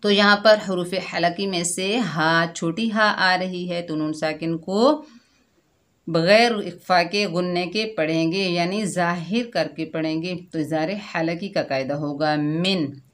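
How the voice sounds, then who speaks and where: A woman teaching Quran recitation word by word, patient and explanatory, slowing to draw out each recited word. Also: lowish voice, a bit bright. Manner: patient and explanatory, often adding a checking "theek hai"; slows and draws out the recited words. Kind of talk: slow word-by-word recitation lesson.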